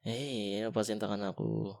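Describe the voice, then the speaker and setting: A young man in a whispered role-play as a boyfriend, talking in a soft, coaxing and gently teasing way. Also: fairly low pitch, fairly even intonation, a little slow. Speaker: ASMR boyfriend role-player.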